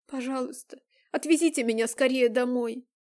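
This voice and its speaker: A woman's voice: high-pitched, normal speed, a little mellow, close to an everyday voice. A woman reader voicing a frightened young woman who pleads and cries out in panic. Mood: pleading. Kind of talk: audiobook character reading.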